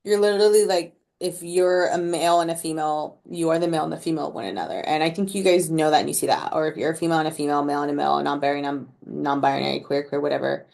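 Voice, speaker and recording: A woman with a low, gravelly, slightly mellow voice rattles through a collective tarot reading very fast, barely pausing. She's chatty and slangy, laughing at her own jokes and leaning heavily on "like".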